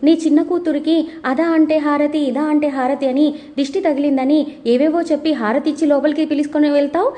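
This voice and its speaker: A woman voicing an indignant mother who loudly complains in defense of her daughter. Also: sits high, steady tone, fairly quick, natural voice. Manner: wailing, accusing complaints.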